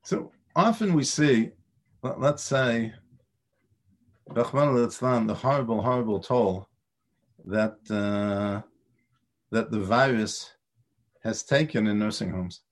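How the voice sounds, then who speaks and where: A man's voice: fairly low pitch, takes it slowly, long pauses. Stammering man teaching Torah. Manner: stammering restarts, rhetorical questions. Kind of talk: lecture on Pirkei Avot.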